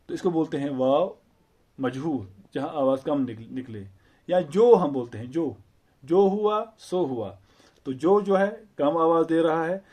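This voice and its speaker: A man teaching an Urdu grammar lesson, explaining slowly and patiently with repeated examples and rhetorical questions. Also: fairly high pitch, a little mellow.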